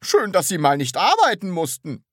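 A woman's voice: fairly low pitch, huge pitch swings, normal speed, breathy edge, no room sound, studio quality, pitched above the performer's own voice, full character voice. A woman voicing a nosy, impatient middle-aged landlady who pries and reproaches. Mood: prying. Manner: curious, prying, reproachful.

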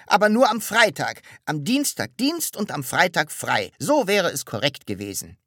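A woman's voice: on the low side, sing-song, moderate pace, fairly bright tone, no room sound, clean studio sound, voice pushed up. A woman voicing a fussy, gloomy grown man who complains in a plaintive, exasperated way. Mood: aggrieved.

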